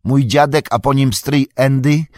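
A man's voice: medium pitch, unhurried, fairly bright tone, dry recording, clean studio sound, voice pushed up, lightly acted. A man voicing a loyal, fretful young male hobbit servant who talks in a plain, earnest and agitated way. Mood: offended.

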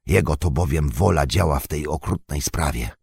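A man's voice: extremely low pitch, normal speed, vocal fry, darkish tone, slightly rough, no echo, studio quality, full character voice. A man voicing Gandalf, a stern old male wizard speaking in a grave, commanding way.

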